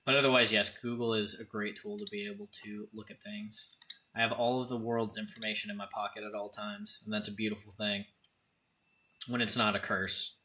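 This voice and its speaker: A man in his thirties hosts a casual livestream, speaking informally and addressing chatters directly. His voice is fairly low and level, pushed and bright, and he talks fairly quickly over slight background noise.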